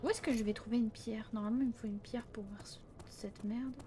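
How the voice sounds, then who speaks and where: A woman's voice: on the high side, fairly even intonation, a little fast, warm tone, slight background noise. A woman doing casual let's play commentary at a close desk microphone, chatting to viewers and letting out flustered yelps under stress. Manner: chatty, addresses viewers, frequent "hein".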